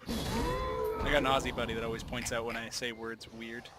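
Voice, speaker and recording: Boston-accented man chatting over loud noise. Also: medium pitch, huge pitch swings, normal speed. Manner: laughs often, jokey storytelling. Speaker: friend in voice chat. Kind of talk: casual chat.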